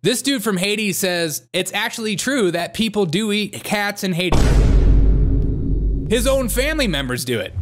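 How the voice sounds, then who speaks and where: A man's voice: high-pitched, heavy background noise. A man in his thirties giving sarcastic, mocking comedic news commentary from a small room, speaking into a desk microphone. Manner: mocking, laughing, drawn-out spelling. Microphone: desk microphone on camera.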